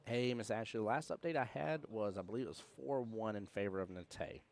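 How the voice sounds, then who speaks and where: A small fan hums by the mic as this livestream host calls pool from an indoor hall, chatting warmly and folksily with his audience. He speaks briskly in a lowish voice with vocal fry.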